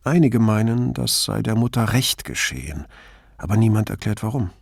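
A man's voice: on the low side, lively intonation, normal speed, gravelly, breathy edge, no echo, clean studio sound, full character voice. A man voicing a female police commissioner who reports her findings coolly and wryly in an audiobook. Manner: coolly reporting facts, wry. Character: female police commissioner, dry and matter-of-fact.

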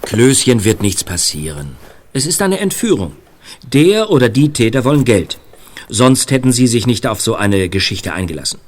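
An actor voicing a calm, steady police inspector in a radio play, hesitating often. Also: male voice, mid-range voice, moderate pace.

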